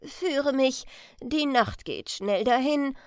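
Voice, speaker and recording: A woman reading an audiobook, voicing a frightened old male miser who pleads with a ghost in a halting way with hesitant fillers. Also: high-pitched, darkish tone, dry recording, studio quality, pitched above the performer's own voice. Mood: fearful pleading. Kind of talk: audiobook character voice.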